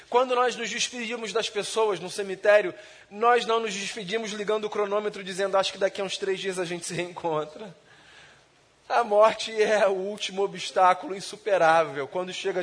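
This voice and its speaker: A man's voice: sits high, fairly bright tone. A man preaching a sermon in a conversational way, retelling scenes and voicing the people in them. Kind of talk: sermon storytelling.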